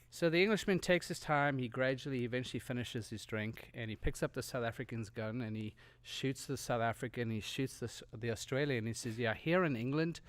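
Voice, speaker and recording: A man's voice: medium pitch, a little fast, dry recording. A man as a podcast guest in casual chat, easygoing, telling a joke and laughing along. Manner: easygoing, laughs at his own jokes.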